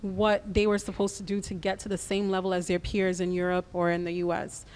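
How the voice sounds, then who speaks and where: Her pitch is medium and a little mellow, delivered almost in a monotone. She's a guest on a radio interview, a woman raised in the United States, calmly and practically explaining how her creative business works.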